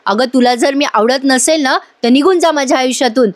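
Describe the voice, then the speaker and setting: A woman voicing an angry, defiant young woman who speaks in sharp, scolding lines. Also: high voice, a little fast, no room sound, clean studio sound, natural voice.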